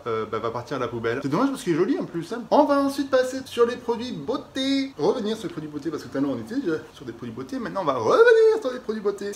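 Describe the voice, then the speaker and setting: French guy, young, fairly high voice, lively product-review chat, faint hiss behind. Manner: chatty, expressive, laughs and exaggerates. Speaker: beauty vlogger. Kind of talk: casual product review vlog.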